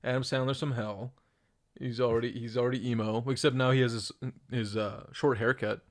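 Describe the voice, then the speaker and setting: A man's voice: medium pitch, steady tone, a little fast. A young man co-hosting a casual podcast, teasing his friend, swearing and laughing often. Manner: teasing, profane, laughs a lot. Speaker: podcast co-host. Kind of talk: casual chat.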